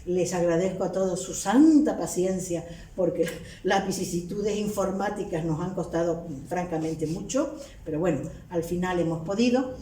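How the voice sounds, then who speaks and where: A woman with a Canarian Spanish accent gives a formal academic lecture, wry and lively, with a mellow, dark tone. The sound is roomy and set back from the mic, and a faint hiss sits under the hall audio. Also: on the low side, normal speed, recorded from a distance. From Canary Islands. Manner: lively, wry, with teasing asides. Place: hotel hall.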